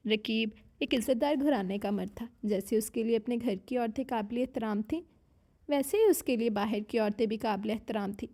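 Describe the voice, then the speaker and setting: Woman narrating a romance novel. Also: a little high. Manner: even, storytelling.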